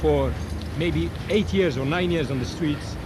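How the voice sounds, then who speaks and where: Man from Algeria reporting over loud street traffic. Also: on the high side, unhurried. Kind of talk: TV current affairs report. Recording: outdoors with loud traffic noise.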